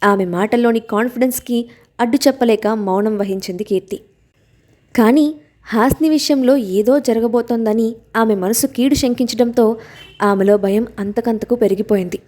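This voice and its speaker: A woman's voice: on the high side, normal speed, darkish tone. A woman with a Telugu accent narrating a novel in a scripted style, reading every character's lines herself. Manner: reads all characters' lines herself with little voice change. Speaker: storyteller.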